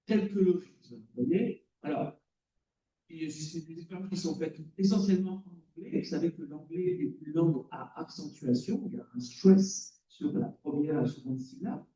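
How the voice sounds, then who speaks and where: A male lecturer gives a conference talk in a lecture hall and keeps putting questions to the audience. His voice is high for a man but dark and mellow in tone. It is picked up from a distance in a roomy space, with a dull, muffled sound. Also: normal speed. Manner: explanatory, quizzes the audience. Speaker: lecturer in cognitive psychology.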